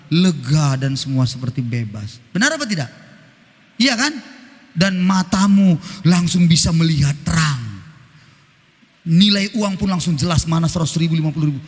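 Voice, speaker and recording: A male pastor preaching an animated, teasing sermon, breaking into snatches of hymns. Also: fairly high pitch. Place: church. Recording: church hall reverb.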